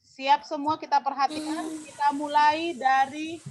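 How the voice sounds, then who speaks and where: A woman teaching a class, explaining slowly and repeating points while asking pupils questions. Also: high-pitched, flat delivery, a little hiss or hum.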